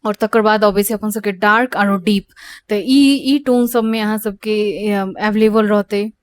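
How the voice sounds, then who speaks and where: A woman hosts a beauty tutorial as a makeup instructor. She talks at an ordinary pitch, pausing often with fillers and slipping English phrases in. The sound is dry and close, with no room echo. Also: steady tone. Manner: hesitant, with frequent pauses and fillers, mixing in English phrases.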